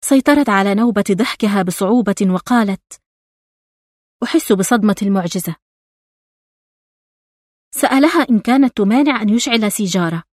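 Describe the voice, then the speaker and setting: A woman reading a novel aloud as an audiobook narrator, in a measured, intimate storytelling manner. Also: medium pitch, lively intonation, no echo, studio quality.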